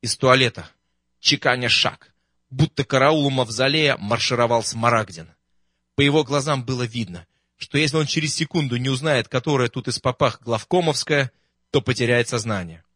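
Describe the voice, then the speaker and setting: A man reading a first-person memoir as an audiobook, in a wry, steady storytelling manner. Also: mid-range voice, moderate pace, no room sound, clean studio sound. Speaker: narrator.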